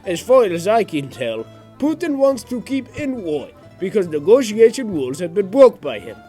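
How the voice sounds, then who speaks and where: A man's voice: sits high, sing-song, normal speed, warm tone, soft background music. A teenage boy putting on a stern Russian presenter for a satirical school report, speaking in clipped, broken phrases that drop their articles. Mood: deadpan mock-serious. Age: teens. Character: comically stern Russian man presenting politics. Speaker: student presenting a school project.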